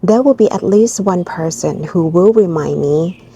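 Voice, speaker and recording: A Thai vlogger in her forties from Bangkok talks candidly to camera, reflecting on her own life in a Thai accent. Her lowish, mellow voice keeps a measured pace, and the lo-fi recording carries slight background noise.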